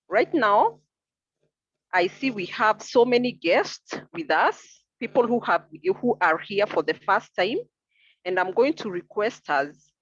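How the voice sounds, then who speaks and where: A woman's voice: medium pitch, fairly bright tone, dull audio. A woman moderating an online meeting, speaking politely and formally as she directs participants over call audio.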